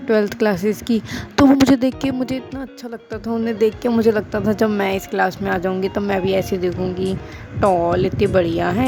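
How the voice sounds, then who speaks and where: A chatty woman in her twenties with a gravelly, medium-pitched voice talks casually to camera in Hinglish. She's a vlogger and school teacher who mixes in English phrases and is self-deprecating.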